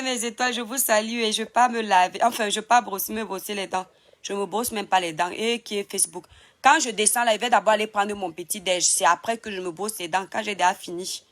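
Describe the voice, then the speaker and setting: A woman from Cameroon with a Cameroonian French accent, hosting a casual live stream from home, talking straight to viewers and mocking a critic between laughs. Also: medium pitch. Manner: teasing, scolding and laughing at a critic. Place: home in Europe.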